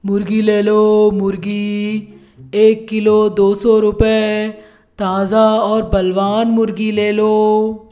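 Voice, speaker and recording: A woman's voice: medium pitch, monotone, very slow, dark tone. A woman voicing a male street chicken seller calling out his wares in a cartoon story. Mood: hawking. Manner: hawking, calling out. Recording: distant, roomy, faint music.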